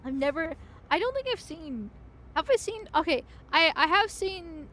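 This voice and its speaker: Brief: high-pitched woman streamer, giggly and rambling, casual game chat. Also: big pitch swings, normal speed, sharp tone. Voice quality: chatty, giggly, stumbling restarts. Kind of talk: casual gaming commentary.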